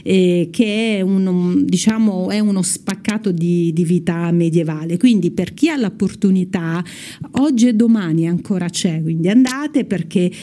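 A woman's voice: lowish voice, moderate pace, warm tone. A woman, presenting a radio show in a casual, conversational way. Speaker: radio host.

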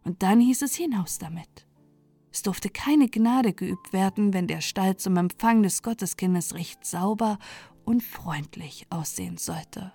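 A woman gently narrating a bedtime fairy tale, soft and sometimes dropping to a whisper. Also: medium pitch, a little slow, no room sound, soft background music. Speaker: storyteller. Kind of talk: calm bedtime story narration.

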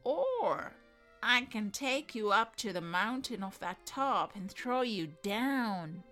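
A woman's voice: fairly high pitch, lively intonation, slow pace, a bit bright, faint music behind. A woman voicing a greedy, boastful male monkey in a storybook, with a gloating, teasing manner.

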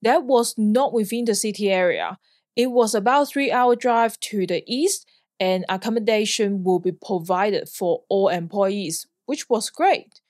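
This podcast host, a woman in her thirties from Hong Kong who works as a flying instructor, shares a personal story earnestly and in plain words, now and then laughing lightly. Her voice is medium in pitch, unhurried and darkish, captured in a clean studio with no room sound.

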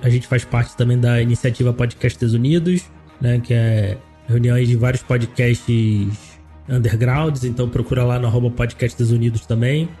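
Brazilian male co-host, easygoing, warm dark tone, faint music behind. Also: mid-range voice, fairly even intonation, moderate pace. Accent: Brazilian Portuguese. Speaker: podcast co-host. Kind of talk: casual podcast sign-off.

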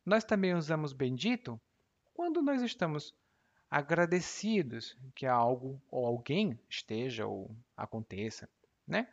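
A man's voice: medium pitch, very animated, lo-fi sound. Brazilian man teaching on a podcast. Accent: Brazilian Portuguese. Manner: patient, explains words slowly with examples. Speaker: language teacher and podcast host. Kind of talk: explanatory podcast lesson.

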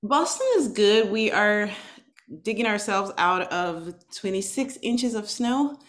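A woman's voice: medium pitch, lively intonation, slow pace. A woman in her thirties from Nigeria, a tech founder chatting easily as an interview guest, with lots of fillers and restarts. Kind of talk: casual interview chat.

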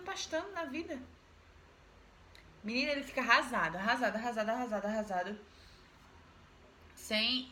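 A woman retells a folk tale in a loose, chatty way, repeating words for emphasis and turning to her listener. Her voice sits on the high side. The room is echoey, with faint noise behind. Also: fairly bright tone. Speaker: storyteller. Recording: roomy echo, faint background noise.

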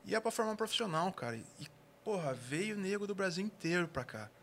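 Male, caipira Brazilian accent, quick and sharp-edged, slangy raconteur, noisy background. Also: high-pitched, vocal fry. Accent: caipira Brazilian Portuguese from interior São Paulo. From interior São Paulo state, Brazil. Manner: animated, slangy, acts out dialogue. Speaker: guest, barbecue cook and gastronomy consultant. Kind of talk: casual storytelling.

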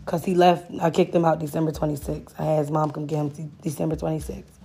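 A woman's voice: sits low, quick pace, gravelly, faint music behind. A young adult woman casually telling a profane personal story, acting out both sides of the dialogue. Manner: blunt, profane, animated retelling with quoted dialogue. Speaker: storyteller sharing a listener's story.

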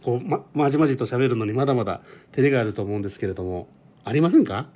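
A man's voice: mid-range voice, expressive, very fast, warm tone. A man in his forties hosting a casual solo podcast, rambling and self-deprecating with lots of fillers. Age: 40s. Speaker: podcast host. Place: home.

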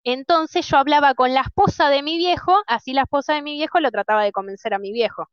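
A woman with an Argentine Spanish accent in a casual chat, chatty and quick to laugh. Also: high voice, no echo, muffled recording.

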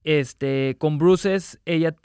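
A man's voice: fairly high pitch, extremely slow, darkish tone, clean tone, dry recording, clean studio sound. A young man with a Mexican accent, chatting loosely as a label-founder guest in a casual podcast interview, full of slang.

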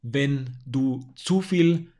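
A man, a stage presenter giving direct, steady advice in an instructional monologue. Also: mid-range voice, drawn-out words. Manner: addresses the listener directly, steady advisory tone. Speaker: speaking coach and stage presenter.

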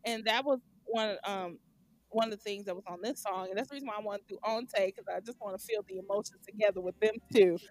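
A woman's voice: mid-range voice, quick pace, a little mellow, a little hiss or hum. A woman co-hosting a music review podcast, talking in a rambling, enthusiastic way and laughing often. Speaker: podcast co-host. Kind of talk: casual chat.

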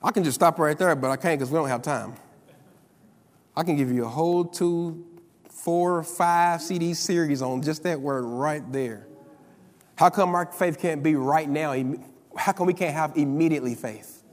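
A man preaching a sermon as pastor, calling on the congregation to answer back and building up to loud, emphatic peaks. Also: a little high, moderate pace, long reverb tail.

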